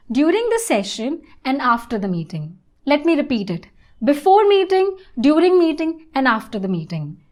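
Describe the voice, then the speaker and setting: A woman with a high voice presents an online English lesson in a scripted, instructional style, phrasing things deliberately and emphatically.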